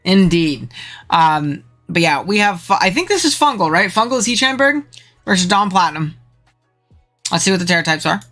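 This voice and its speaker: A streamer giving casual live commentary on a game match, slangy and excitable, with the voice jumping high when thrilled. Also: normal speed, faint music behind.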